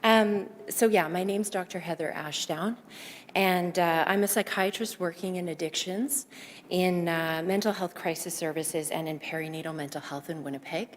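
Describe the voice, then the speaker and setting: A woman's voice: fairly low pitch, normal speed. A woman psychiatrist giving public testimony at a budget hearing, out of breath and talking in an earnest, explanatory way. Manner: earnest, explanatory, thinking aloud. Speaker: psychiatrist speaking as public delegate. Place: large council chamber. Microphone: podium microphone. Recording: long reverb of a council chamber, faint room hum.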